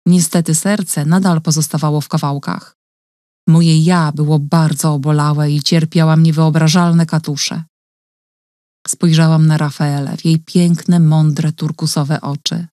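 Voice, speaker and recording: A woman's voice: low voice, little pitch movement, a little slow, warm tone, dry recording. Woman reading a novel aloud, dry studio. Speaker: audiobook narrator. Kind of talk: first-person novel narration. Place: radio studio.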